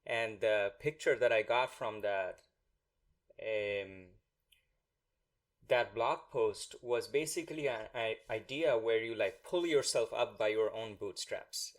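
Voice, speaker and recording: A man hosting a podcast, asking long, rambling questions full of fillers like "you know" and "like.". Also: on the low side. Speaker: podcast host. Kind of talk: conversational interviewing.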